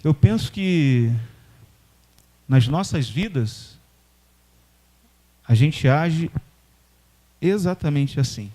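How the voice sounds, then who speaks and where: A man's voice: a little high, lively intonation, drawn-out words, pauses often, dark tone. A man with a Brazilian accent, a pastor preaching a sermon in church and telling a story with animation. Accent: Brazilian Portuguese.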